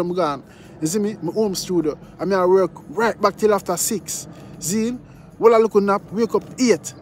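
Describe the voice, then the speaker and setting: Over music playing in the background, a man with a high voice and a slight hiss or hum reviews a song in casual chat. He talks in Jamaican-style patois phrasing and sometimes sings along.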